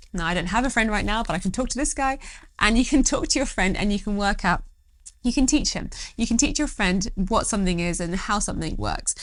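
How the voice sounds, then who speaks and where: Young woman doctor talking fast, encouraging, dry close sound. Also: medium pitch, no room sound. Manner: encouraging, upbeat, direct. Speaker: doctor giving study tips. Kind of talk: educational talk to camera.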